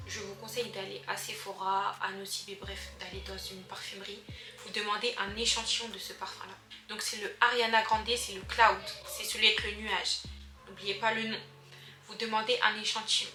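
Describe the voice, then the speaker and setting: A young woman chats through beauty tips in a relaxed vlog, full of fillers and speaking right to her viewers. Her voice is bright and forceful, at a middle pitch. It sounds echoey in the room, with faint music behind. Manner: chatty, filler-heavy, addresses viewers as girls. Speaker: beauty vlogger. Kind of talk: casual chatty beauty advice vlog.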